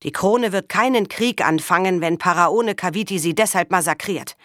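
A woman's voice: on the low side, normal speed, fairly bright tone, no echo, clean studio sound, lightly acted. A woman reading the part of a stern man giving a warning. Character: stern male official, warning.

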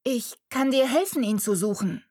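A woman's voice: fairly high pitch, expressive, husky, dry recording, studio quality, voice pushed up. Woman reading as a shy, hesitant village girl. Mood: shy curious. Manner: hesitant, gentle, unhurried questions. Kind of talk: audiobook character voice.

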